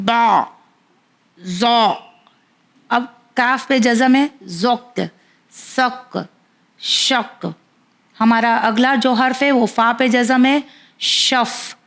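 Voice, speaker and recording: Patient woman teaching letter sounds. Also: on the high side. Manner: patient, slow, drills sounds one by one. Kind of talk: pronunciation lesson for children.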